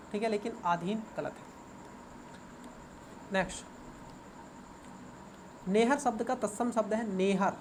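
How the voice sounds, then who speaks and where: A man's voice: high voice, vocal fry, darkish tone, a little hiss or hum. A man teaching as an exam coach, going through a paper's answers, repeating words and asking his students rhetorical questions.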